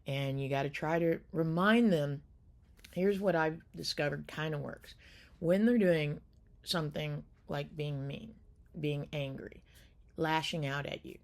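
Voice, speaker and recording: A woman with a low, gravelly voice hosts a caregiving talk. She speaks casually, rambling and restarting, with lots of ums and uhs. Her tone is plain and unscripted. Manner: loose, rambling delivery with many fillers and restarts. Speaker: caregiving channel host.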